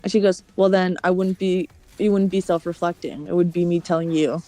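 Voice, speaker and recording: A woman's voice: fairly low pitch, little pitch movement, brisk, mellow, faint music behind. A woman streamer telling a long story in casual chat. She acts out the other people's lines and swears often.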